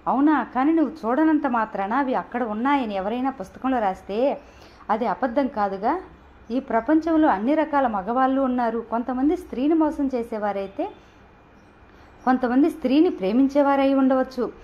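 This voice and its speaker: A woman's voice: high-pitched, normal speed, muffled recording, close to an everyday voice. A woman voicing a teasing young student. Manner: flippant and teasing.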